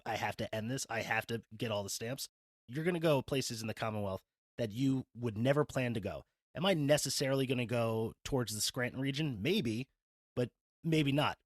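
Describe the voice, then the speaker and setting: A man's voice: mid-range voice, no room sound. Man from New Jersey, enthusiastic, podcast host, dry close sound. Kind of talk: casual conversation.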